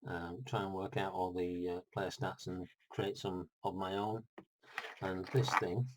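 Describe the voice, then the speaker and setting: A man's voice: deep voice, little pitch movement, unhurried, slight background noise, rough recording. A middle-aged man, unboxing a board game in a rambling, chatty vlog full of asides. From United Kingdom.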